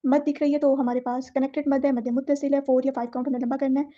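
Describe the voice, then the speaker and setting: A woman teaching Quran recitation rules, explaining each word and then reciting it slowly and drawn out. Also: high-pitched, little pitch movement, mellow, lo-fi sound. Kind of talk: tajweed lesson.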